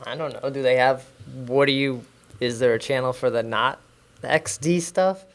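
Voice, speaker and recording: A man co-hosting a podcast in a relaxed, chatty style. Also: medium pitch, normal speed. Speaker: podcast co-host. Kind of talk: casual chat.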